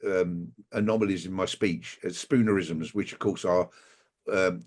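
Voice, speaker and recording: A man with a slightly low voice speaks in a halting, wry way and tells anecdotes. He is a guest in a relaxed interview, heard over a remote call. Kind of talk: conversational interview.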